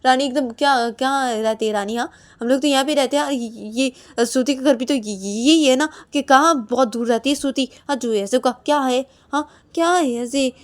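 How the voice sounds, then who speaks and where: A woman voicing a young husband who argues loudly and insistently with his mother in a spoken story. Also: normal speed, few pauses, natural voice. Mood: protesting. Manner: loud, high, insistent questioning.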